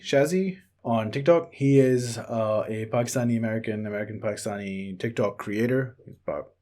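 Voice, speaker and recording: A man's voice: on the low side, darkish tone. A man hosting a podcast, introducing a guest and chatting in an easygoing way. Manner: easygoing, laughs often. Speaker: podcast host. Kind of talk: casual podcast chat.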